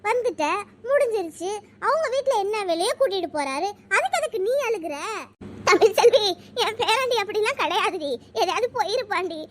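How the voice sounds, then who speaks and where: Someone voicing a shrill scolding village granny. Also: expressive, fairly quick, a little hiss or hum. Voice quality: very high-pitched, shrill. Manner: scolding, nagging with sharp questions. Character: scolding old village grandmother. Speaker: grandmother. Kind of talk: cartoon voice acting.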